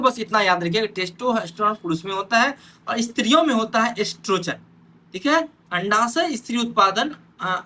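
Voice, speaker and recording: Man, exam-prep teacher, bright tense voice, frequent check-ins with students. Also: high-pitched. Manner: repeats "theek hai" as a check-in; addresses students directly, pointing at notes.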